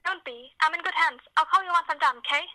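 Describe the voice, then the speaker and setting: A woman playing a hurried, upbeat young heroine who calls her sister and is heard through a phone on speaker. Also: sits high, pushed and bright, no room sound. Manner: rushed, breezy, brushing off worry. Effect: heard over a phone speaker. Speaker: caller.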